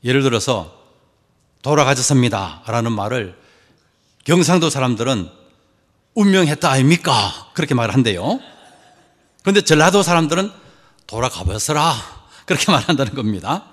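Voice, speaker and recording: A man's voice: medium pitch, expressive, a little fast, long pauses, long reverb tail. A man preaching a sermon as pastor, joking with the congregation and asking them questions.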